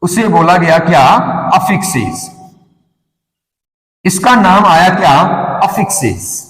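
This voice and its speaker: A man's voice: high-pitched, expressive, takes it slowly, a bit bright. A man teaching an English lesson, drilling each term by asking a question and then answering it himself. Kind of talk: classroom lesson, call-and-response drilling. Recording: echoey hall with long reverb.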